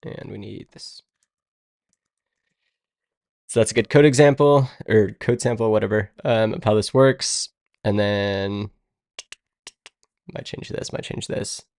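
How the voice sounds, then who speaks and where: A man's voice: lowish voice, steady tone, takes it slowly, long pauses, a little mellow, no room sound, studio quality. A man live-streaming his coding work, thinking aloud in a rambling, casual way and muttering to himself as he goes. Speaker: live-streaming web developer.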